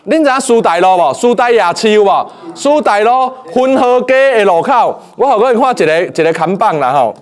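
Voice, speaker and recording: Male lecturer with a high voice, playful and lively, quizzing his class. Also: fairly quick, few pauses. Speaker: teacher.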